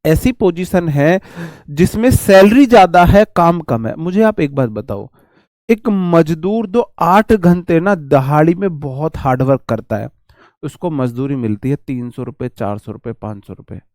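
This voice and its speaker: A man giving a casual online vocabulary lesson, repeating key phrases and leaning on everyday examples. His voice sits a little high for a man yet sounds dark and mellow. The recording is dry and close, with no room sound. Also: animated, measured pace, no echo. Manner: addresses viewers as "my brother". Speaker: vocabulary teacher. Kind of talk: online exam-prep class.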